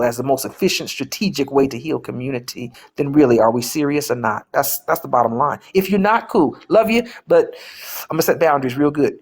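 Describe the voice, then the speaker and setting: A woman's voice: low-pitched, slightly rough. A woman healing coach hosting a live stream, talking casually and emphatically, with colloquial phrasing and repeated key phrases.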